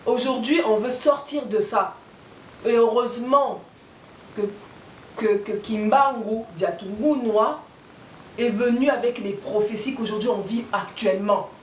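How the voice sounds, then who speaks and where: A woman's voice: on the high side, a little slow, reverberant, far from the mic, a little hiss or hum. A woman giving an impassioned political and spiritual monologue, firing off rhetorical questions and repeating her points for emphasis. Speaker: activist speaker.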